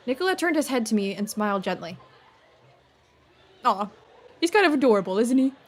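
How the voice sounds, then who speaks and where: A woman hosting a let's play, reading the game aloud with expressive, casual reactions. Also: a little high, brisk, some chatter behind. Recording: voice over game music. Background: game music.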